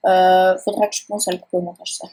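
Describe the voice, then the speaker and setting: A woman's voice: lowish voice, level tone, fast, warm tone, low-quality recording. A young woman casually touring her game world, rambling and hesitant with many fillers. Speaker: gaming channel host. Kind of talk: casual game-tour commentary. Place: at home by a laptop.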